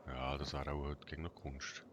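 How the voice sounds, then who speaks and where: A man giving casual gameplay commentary as a let's player, muttering to himself in a monotone way. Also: a bass voice, normal speed. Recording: loud noise over the voice.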